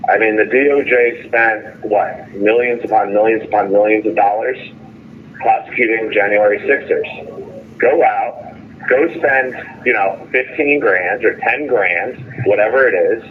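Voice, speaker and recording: A man with a lowish voice calls from jail over a noisy, tinny phone line, speaking a little slowly. He vents about jail and his legal case, frustrated and emphatic, repeating his phrases.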